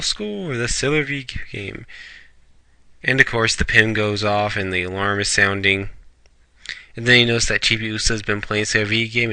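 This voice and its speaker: Man, casual chapter review, rambling, fillers, lower-pitched, very bright and forceful tone. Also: clean tone, dry recording. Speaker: manga reviewer.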